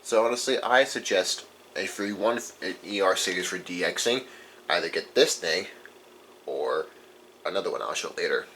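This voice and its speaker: A man with a low, bright, forceful voice presents his radio collection in an informal, unscripted show-and-tell. He is expressive, talks at a normal speed, and rambles while correcting himself. The low-quality recording carries faint background noise.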